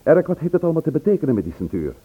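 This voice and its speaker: In a radio play, an actor voices a troubled, insistent man being questioned about his murdered brother, firing back questions of his own with emphasis. His fairly high voice swings widely in pitch, races along very fast, and carries a breathy edge. He sounds agitated and puzzled, and the audio has a phone-like quality.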